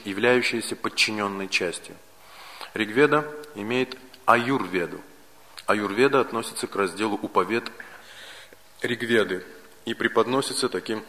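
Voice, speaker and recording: A man giving a lecture in a Russian accent, listing points in a measured way and repeating key words. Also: fairly low pitch, sharp tone. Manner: measured, enumerating points with repetitions. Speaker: lecturer on Vedic philosophy. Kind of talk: spoken lecture. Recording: archival lecture recording with long hall reverb.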